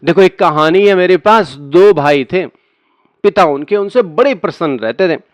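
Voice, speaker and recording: High-voiced man teaching computer basics. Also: expressive, normal speed, dry recording, highs cut off. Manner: conversational, asks and answers his own questions. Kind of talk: screen-recorded computer lesson.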